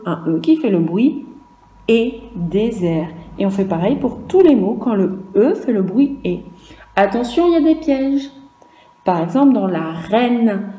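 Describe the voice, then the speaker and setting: A woman with a French accent teaching young children, speaking slowly and patiently, drawing out sounds and asking questions aloud. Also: medium pitch, warm tone, roomy sound. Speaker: primary school teacher. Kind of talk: recorded virtual class lesson for young children.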